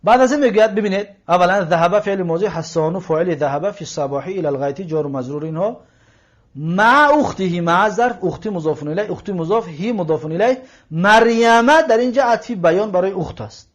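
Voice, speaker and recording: Slightly high man teaching, muffled lo-fi sound. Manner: explains word by word, translating and parsing, often repeating phrases. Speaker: Arabic teacher. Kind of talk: grammar lesson. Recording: lo-fi muffled recording.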